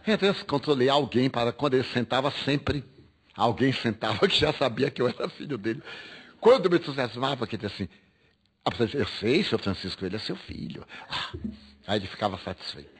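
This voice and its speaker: A man's voice: medium pitch, expressive, brisk, husky. An older man telling a moving personal story, acting out the dialogue with feeling. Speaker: speaker. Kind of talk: recorded spiritual talk.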